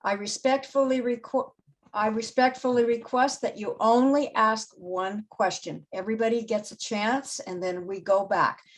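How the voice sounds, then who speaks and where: A woman's voice: fairly high pitch, fairly even intonation, moderate pace, poor audio. A woman who handles the chat at a townhall, firm but polite as she sets rules for questions on a video call. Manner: firm, polite, rule-setting. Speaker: chat moderator.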